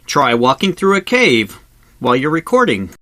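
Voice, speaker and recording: A man with a bright, crisp-edged voice narrates a travel video in lively, swooping intonation. He explains things conversationally, like an informal guide, and drops in wry asides. The voice-over sounds close and very dry. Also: medium pitch, normal speed, dry recording. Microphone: close voice-over microphone, recorded separately from the cave.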